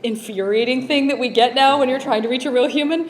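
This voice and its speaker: A woman who is a cast member of a comedy podcast, chatting casually in an interview and jumping up in pitch when excited. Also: quick pace. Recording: long hall reverb.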